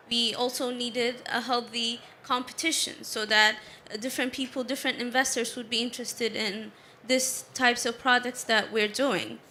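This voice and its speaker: A young woman with an Ethiopian accent and a high, bright, clear-edged voice. She speaks in a measured way on a conference stage, pausing often as she explains her work. Faint room noise sits in the background. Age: young adult. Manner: measured, with frequent "uh" pauses. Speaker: tech company founder on a panel. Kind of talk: conference panel talk.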